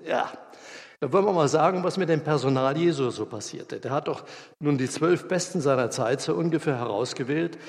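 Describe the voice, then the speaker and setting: A man preaching a sermon in a lively, colloquial way, acting out the scenes he tells. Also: on the high side, brisk, vocal fry. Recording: reverberant hall.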